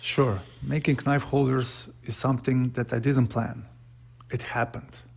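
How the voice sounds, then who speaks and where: Unhurried and level, with some vocal fry, this mid-range male voice comes through a little hiss or hum. He's a Slovenian channel host narrating his woodworking in casual vlog style, speaking earnest, slightly broken English with a Slovenian accent, small slips, and lots of "uh."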